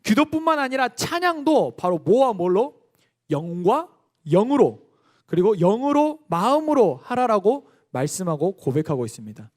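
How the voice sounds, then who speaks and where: Animated young male youth pastor. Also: high voice, moderate pace. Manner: lively storytelling, quizzing the congregation. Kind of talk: youth sermon.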